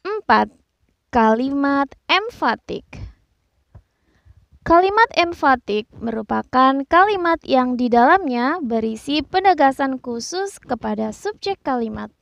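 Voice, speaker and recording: Woman reading out a grammar lesson, high gravelly voice, kinda muffled lo-fi sound. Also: expressive, no room sound. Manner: slow, careful explaining with read-out examples. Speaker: teacher. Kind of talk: scripted educational narration.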